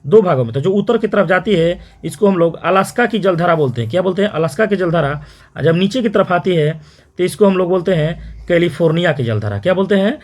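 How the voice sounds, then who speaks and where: A man teaching an exam-prep geography lesson, repeating terms and quizzing listeners with quick questions. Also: high-pitched, lively intonation, a little mellow. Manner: repetitive question-and-answer drilling, frequent "theek hai".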